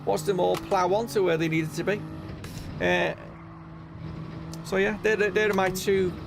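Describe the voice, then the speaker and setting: A chatty middle-aged man tells a story to his live-stream viewers. His voice is a touch high for a man and gravelly. Car engine sounds hum loudly behind him on the recording. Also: fairly even intonation, unhurried. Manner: chatty, keeps adding "right?" and "you know what I mean?". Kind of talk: casual anecdote telling.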